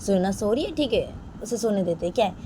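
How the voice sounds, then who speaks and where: A woman's voice: medium pitch, animated, fast, background noise, pitched above the performer's own voice, close to an everyday voice. A woman voicing an agreeable female cousin in a storybook tale, repeating her agreement. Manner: agreeable, repetitive.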